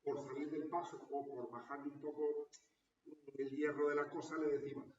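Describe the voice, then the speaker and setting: Priest with a constant questioning "¿ya?". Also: male voice, fairly high pitch, flat delivery, moderate pace, darkish tone. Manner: peppers talk with questioning "¿ya?". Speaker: parish priest. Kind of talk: catechetical talk to parishioners. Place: parish hall or church room. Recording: roomy, distant, dull sound.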